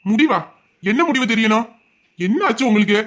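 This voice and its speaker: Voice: medium pitch, lively intonation, normal speed, fairly bright tone, natural voice. A performer voicing a domineering, boastful young man with an obsessive streak, in an audio drama. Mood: defiant boasting. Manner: boastful, menacing.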